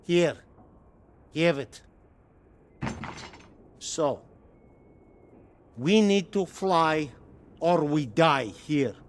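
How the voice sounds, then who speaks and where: Blunt Soviet agent. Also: male voice, a little high, animated, slight background noise. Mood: grave. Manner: clipped, halting English. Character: stern Soviet agent man, urgent and blunt. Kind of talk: video game voice acting. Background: game music.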